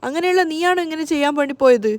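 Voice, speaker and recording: A woman voicing a worried young adult brother who gently coaxes his sister and mother. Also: sits high, very fast, no echo, close to an everyday voice. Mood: concerned. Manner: gentle, concerned coaxing.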